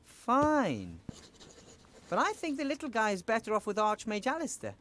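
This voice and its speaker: A woman's voice: fairly high pitch, wildly swooping pitch, moderate pace, fairly bright tone. An actress playing a cheerful, curious young woman mage who asks questions in a friendly way. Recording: game audio with faint music.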